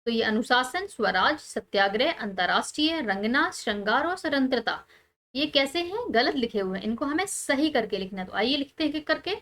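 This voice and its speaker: Woman teacher talking through schoolwork. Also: on the high side. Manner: steady explanatory, pauses on key words. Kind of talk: explaining textbook answers.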